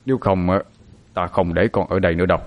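A man voicing an elderly sorcerer master who speaks sternly and gravely. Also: low voice, fairly even intonation, fast, phone-quality sound, close to an everyday voice. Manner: stern, lecturing.

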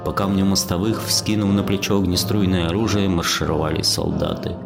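A man narrating an audiobook story in a measured storytelling manner. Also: low voice, little pitch movement, creaky, music in the background. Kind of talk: scripted narration.

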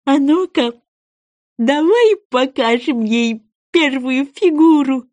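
A woman voicing an excitable little male goby fish in a storybook reading, with an eager, drawn-out, sing-song delivery. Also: sits high, pitched above the performer's own voice. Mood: hopeful.

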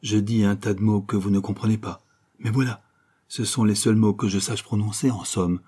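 A man reading an audiobook, voicing a rough, earnest young sailor who is self-conscious about his speech. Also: lowish voice, steady tone, moderate pace, warm tone.

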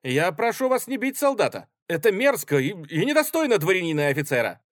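An indignant young cornet, voiced by a male narrator, clear and firm as he objects. The voice sits well above the reader's usual pitch. The recording is dry. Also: very animated, a little fast, no echo.

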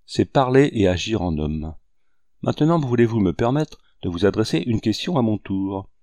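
A man's voice: lowish voice, lively intonation, normal speed, mellow, no echo. A man voicing a hearty French general in chief, courteous and commanding.

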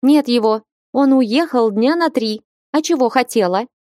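A woman voicing a bold, strapping young northern warrior woman who speaks loudly and bluntly in an audiobook. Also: a little high, measured pace, no room sound, studio quality, voice pushed up, close to an everyday voice. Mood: brash. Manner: loud, hearty and blunt.

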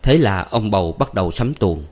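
A man narrating a story in a lively storytelling manner. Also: fairly low pitch, moderate pace.

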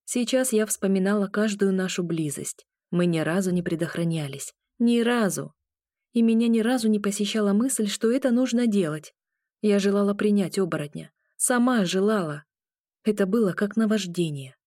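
A woman reading a novel aloud as a first-person narrator, in a measured storytelling manner. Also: mid-range voice, a little mellow, no echo, clean studio sound. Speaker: audiobook narrator.

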